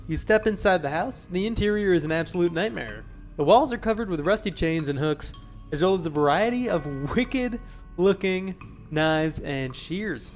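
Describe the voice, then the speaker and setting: Man on a let's play, fairly high voice, dry wry asides, faint music behind. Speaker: let's player. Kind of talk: reading game text aloud with commentary.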